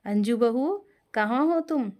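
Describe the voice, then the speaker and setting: A woman's voice: on the high side, fairly even intonation, measured pace, darkish tone. A woman voicing an exasperated middle-aged mother-in-law who scolds in exclamatory complaints.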